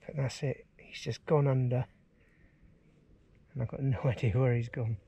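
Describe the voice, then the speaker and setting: On a river in his kayak, a man from England in his forties vlogs to an action camera mounted on the boat. His medium-pitched voice moves at normal speed with a breathy edge, and his narration is casual, enthusiastic and loaded with ums and uhs.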